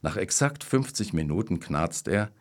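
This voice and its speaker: A man with a very low, deep voice reads short humorous stories aloud. His delivery is dry and wry, steady scripted narration with an understated edge. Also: moderate pace.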